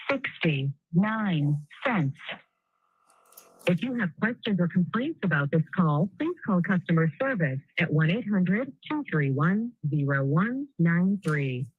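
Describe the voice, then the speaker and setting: A woman's recorded automated phone system prompt, measured and slowing down for the numbers. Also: on the low side, husky, no echo. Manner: measured, reads numbers slowly. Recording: tinny dry phone line.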